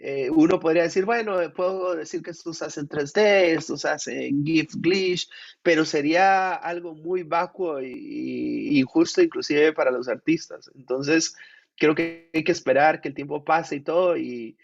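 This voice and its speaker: A man with a cold answers questions thoughtfully at an art conference, his voice gravelly, on the high side and unhurried. He's reflective and restarts often, and the audio is muffled and lo-fi.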